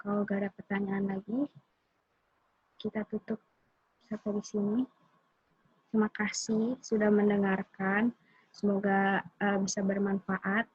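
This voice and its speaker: A woman's voice: mid-range voice, monotone, measured pace, long pauses, slightly rough, no echo, lo-fi sound. A young woman presenting to a class in a casual, hesitant way with many fillers. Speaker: student presenter.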